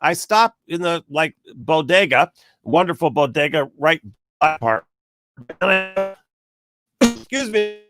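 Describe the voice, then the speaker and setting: A man's voice: on the high side, measured pace, soft background music. A middle-aged man telling a story in a casual rant to camera, acting out the people in it. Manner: animated storyteller, acts out quoted people, rants.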